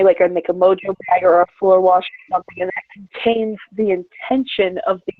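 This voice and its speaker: A participant phoning in through headphones on a phone, the line thin and tinny like an old telephone. The audio is choppy and keeps cutting in and out, clipping the ends of words, while the delivery is halting with thoughts left hanging. The sound is dry and close, with no room around it. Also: medium pitch, no echo. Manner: halting, with sentences left unfinished. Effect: choppy audio that cuts in and out and clips off word endings. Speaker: call-in panel participant. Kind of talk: casual group discussion.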